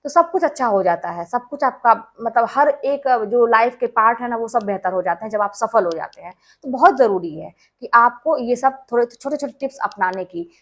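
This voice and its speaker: Woman with a slightly high voice, earnest and emphatic, for an informal motivational study-tips talk. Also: animated, fairly quick, hardly any pauses, a bit bright. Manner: earnest, emphatic, speaks directly to listeners. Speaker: schoolteacher. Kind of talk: casual advice talk to exam aspirants.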